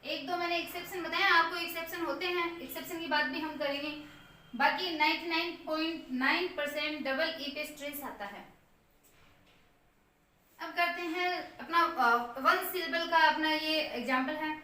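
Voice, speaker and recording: A woman teaching English pronunciation in Hindi, repeating each word slowly as a drill. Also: high voice, sharp tone. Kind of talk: Hindi-language pronunciation lesson. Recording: echoey room from a distance.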